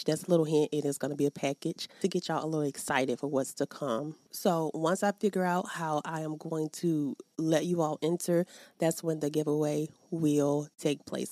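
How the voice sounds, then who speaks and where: Here a female podcast host, upbeat in manner, leads faith talk and prayer while addressing those listening. She has a low-pitched, mellow voice, recorded on a podcast microphone with no echo.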